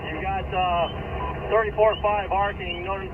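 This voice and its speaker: A man, a fire officer on a roof, giving clipped, businesslike orders over a two-way fire radio, with halting fillers. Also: high-pitched, level tone. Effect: two-way fire radio transmission. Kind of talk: terse fireground radio traffic. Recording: tinny distant radio with loud static.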